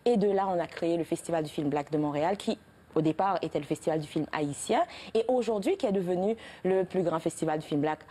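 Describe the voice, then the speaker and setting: A woman in her thirties with a Haitian French accent, talking as the guest of a television interview. Her voice is warm and mellow. She speaks earnestly and restarts her sentences often, with many fillers. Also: lowish voice, fast talker. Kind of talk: TV interview answers.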